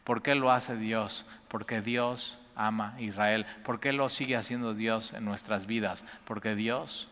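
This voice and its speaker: A man preaching a sermon as pastor, moving between hushed prayerful quotations and loud excited bursts. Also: lowish voice, a little slow, hardly any pauses, long reverb tail.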